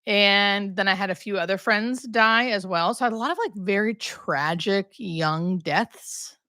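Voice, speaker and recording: A woman's voice: medium pitch, a little fast, pushed and bright, no room sound, studio quality. A woman talking candidly and conversationally as a hospice nurse hosting a casual livestream, thinking aloud as she answers questions.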